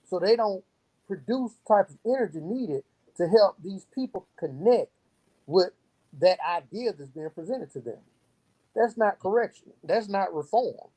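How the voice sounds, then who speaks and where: Poorly recorded, the founder of a youth program talks as an interview guest in a high, dark-toned voice, somewhat slow yet animated. He tells stories to back up his earnest, emphatic answers.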